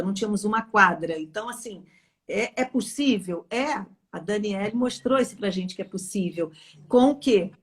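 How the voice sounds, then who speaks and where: A woman, a former school teacher talking on a casual live chat, emphatic and full of stories. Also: mid-range voice.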